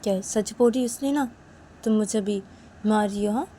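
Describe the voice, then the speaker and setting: A woman voicing a suspicious young woman who nags and accuses in a low, quiet voice, ending her sentences with a questioning "haan?". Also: brisk, a little hiss or hum, close to an everyday voice. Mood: taunting. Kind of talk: one-woman voiced romance story.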